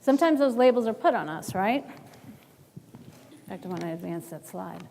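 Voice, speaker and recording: A woman's voice: mid-range voice, expressive, moderate pace, creaky, long reverb tail, noisy background. A woman from the northern United States leading a workshop, conversational and checking in with her audience. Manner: conversational, asks "right?". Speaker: workshop presenter. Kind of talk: workshop presentation.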